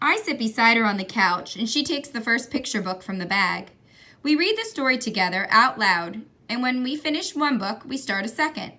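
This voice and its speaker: Reading a children's picture book aloud, a woman uses an expressive storytelling manner. Her voice sits on the high side, and she moves at a moderate pace.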